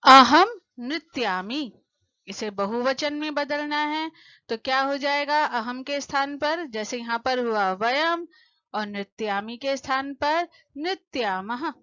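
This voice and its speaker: A woman teaching a lesson to children, patiently asking questions and answering them, slowing down to spell out word forms. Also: sits high, sharp tone, no room sound, dull audio. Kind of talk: explaining a textbook lesson to children.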